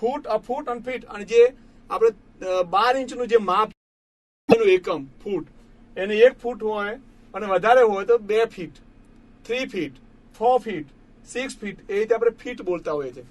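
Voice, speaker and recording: Brief: male teacher, high voice, patient and repetitive, chats warmly with students as friends. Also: dull audio. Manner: patient, repeats each word slowly for students; addresses listeners as friends. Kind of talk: classroom lesson explaining English grammar.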